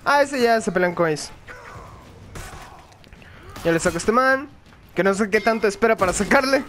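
Excitable young man doing gaming commentary. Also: sits high, moderate pace, slight background noise. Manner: excitable, joking, yelling at the game and laughing. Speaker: gaming video host.

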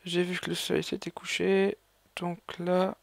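A man's voice: high-pitched, monotone, measured pace, vocal fry. A man giving casual gameplay commentary as a video host, rambling and hesitant, with many fillers and self-corrections. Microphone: raised gaming mic.

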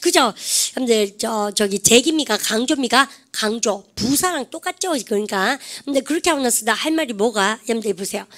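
Lively woman teaching a grammar class. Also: fairly high pitch, brisk, few pauses. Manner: lively, quizzing students with rhetorical questions. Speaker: English teacher.

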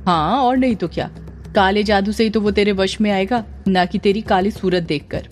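A woman voicing a scheming, sharp-tongued village mother who scolds bluntly. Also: medium pitch, normal speed, soft background music, close to an everyday voice.

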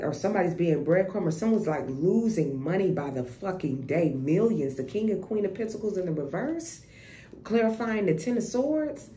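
Woman tarot reader, blunt and profane, lowish mellow voice, echoey room. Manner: blunt, profane, repeats herself and restarts. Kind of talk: casual tarot reading monologue. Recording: echoey room with faint noise.

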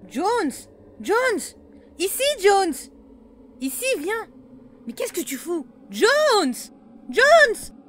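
A woman voicing a jumpy female soldier in an amateur horror audio drama, with quick, teasing banter. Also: a little high, close to an everyday voice. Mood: panicked.

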